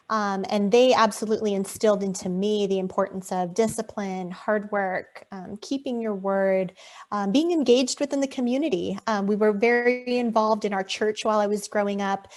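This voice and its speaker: A woman's voice: medium pitch, a little mellow. A woman from Arizona answering interview questions over a video call in an articulate, poised way. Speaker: guest.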